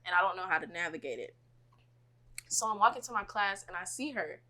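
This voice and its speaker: A woman's voice: fairly low pitch, lively intonation, fairly quick, bright, forceful tone. This is a young woman co-hosting a casual podcast. She tells her stories easily, with a loose, chatty flow. She throws in "like" all the time and breaks into laughter at the funny parts. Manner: laid-back, heavy use of "like", laughs through stories. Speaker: podcast co-host. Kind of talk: casual storytelling chat.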